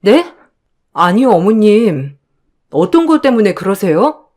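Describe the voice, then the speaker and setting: Speaking unhurriedly in a mid-range voice, a woman narrates her personal story with expression. When dialogue comes up, she voices herself as a hurt wife, pleading.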